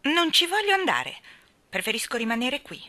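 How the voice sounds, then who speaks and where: A woman's voice: a little high, fairly quick, pushed and bright. A woman voicing a sulky, hot-tempered little girl who talks in a petulant, cross way.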